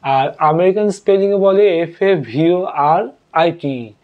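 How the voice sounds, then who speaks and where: A man teaching an English vocabulary lesson, spelling words out letter by letter and repeating them slowly. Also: a little high. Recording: dull lo-fi audio.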